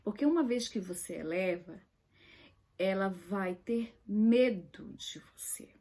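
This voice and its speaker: A woman's voice: mid-range voice, slow, dark tone. A woman giving an earnest teaching talk, stressing key words and dropping to a whisper now and then. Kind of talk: direct-to-camera teaching talk.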